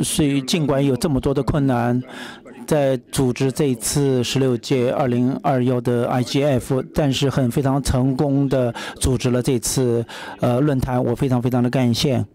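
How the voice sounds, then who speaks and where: A man interprets a panel discussion in real time, hesitating and correcting himself as he goes, with frequent fillers. His voice is mid-pitched for a man. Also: dark tone. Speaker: simultaneous interpreter.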